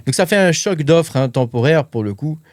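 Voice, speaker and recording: A man's voice: on the high side, animated, normal speed, a little mellow, no room sound, clean studio sound. A man hosting a crypto and mining channel, talking casually and informally with lots of fillers and asides. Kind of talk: casual commentary to camera.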